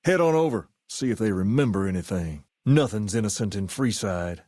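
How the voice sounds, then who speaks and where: An actor playing an easygoing, self-assured gang leader styled as a rock-and-roll king in a video game, with folksy, colloquial, measured delivery. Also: on the low side, expressive, a little mellow, dry recording, clean studio sound. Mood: businesslike, confiding, then cool, assured. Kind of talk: scripted game character dialogue.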